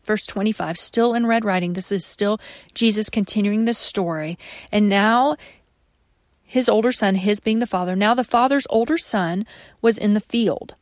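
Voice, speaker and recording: Expressive woman teaching a Bible study. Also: medium pitch, normal speed, dry recording, clean studio sound. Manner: warm direct address to the listener as friend; expressive storytelling, dropping at times to a soft hush.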